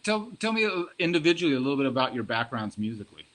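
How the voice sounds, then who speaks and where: A male host chatting casually with musicians in an event tent, relaxed and joking. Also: medium pitch, rapid-fire, loud music behind the voice. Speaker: show host interviewing musicians. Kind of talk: casual interview chat.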